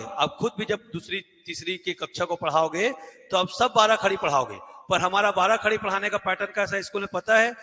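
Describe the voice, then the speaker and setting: A man's voice: high-pitched, sharp tone, long reverb tail. A man teaching an exam-prep lesson at a board, asking questions and answering them himself and repeating key words. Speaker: Hindi teacher.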